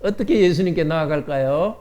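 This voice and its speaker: A man's voice: fairly high pitch, fairly quick, a little mellow. A man pastor giving a children's sermon in church, asking the children questions and answering them. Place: church sanctuary.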